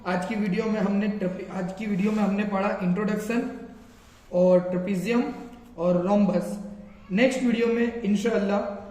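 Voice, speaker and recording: A man teaching a maths lesson, repeating terms slowly to drill pronunciation. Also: sits high, steady tone, a little mellow. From India. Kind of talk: classroom lesson explaining formulas. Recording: echoey room with long reverb.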